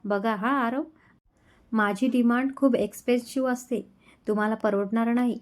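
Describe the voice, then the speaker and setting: A woman's voice: fairly high pitch, fairly even intonation, moderate pace, natural voice. A woman voicing a young wife in a romance storybook reading, speaking in an affectionate, pleading way. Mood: loving. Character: young wife, loving and gently bossy.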